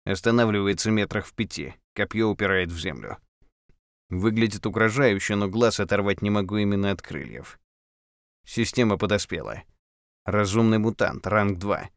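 A man with a fairly low voice delivers dramatic first-person audiobook narration. He speaks in terse, clipped, intense phrases, recorded very dry. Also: no room sound.

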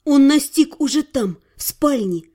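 A woman's voice: high-pitched, animated, unhurried, mellow, faint music behind. A woman narrating a first-person story as an audiobook, reading expressively with emotion.

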